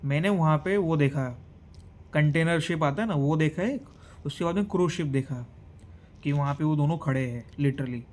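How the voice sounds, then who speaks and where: A young man from Gujarat telling a travel story in a casual vlog, animated, switching between Hindi and English. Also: a little high, normal speed. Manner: animated, mixes Hindi and English, mimics others. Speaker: vlogger.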